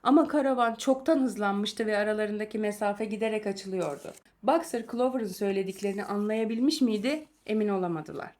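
A woman reads a novel chapter aloud at an even, middle pitch. Her delivery is calm and measured, the steady pacing of an audiobook narrator.

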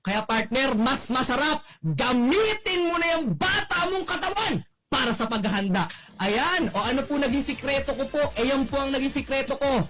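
A young man giving a motivational testimonial speech, exclaiming and shouting, often tagging his lines with a questioning "no?". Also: extremely high pitch, expressive, moderate pace. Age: young adult. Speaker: network marketing speaker giving a testimonial.

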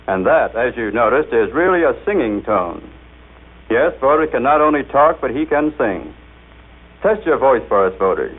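A man's voice: mid-range voice, animated, normal speed, breathy edge. An American man presenting a formal scripted demonstration with careful, showmanlike enunciation. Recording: tinny, band-limited 1930s radio recording.

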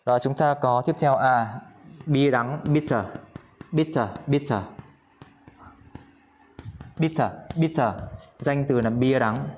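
A man's voice: mid-range voice, slow pace, long pauses, darkish tone. A man teaching English vocabulary in a casual lesson, repeating each word several times and chatting with viewers between words.

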